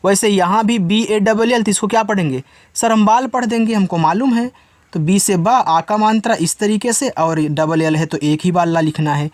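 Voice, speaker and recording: A man's voice: high voice, moderate pace, a little mellow, no echo. A man teaching English spelling and reading, patiently repeating each point and asking his students questions.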